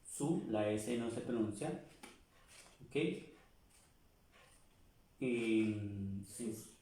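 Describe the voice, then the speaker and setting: A man teaching a lesson at a very slow, deliberate pace, repeating each word several times. He sits some way from the mic, and his voice rings around a very echoey room. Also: fairly low pitch, level tone, mellow, recorded from a distance. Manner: repeats words slowly, pauses and searches a dictionary. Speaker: French teacher.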